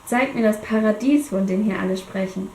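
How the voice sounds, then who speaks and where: A woman with a cold reads her own novel aloud in the first person. Her voice sits at a middle pitch and drops low and quiet in the tense passages. The recording is roomy with a faint hiss underneath. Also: fairly quick. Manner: reads dramatically, drops to a hush in tense moments. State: has a cold.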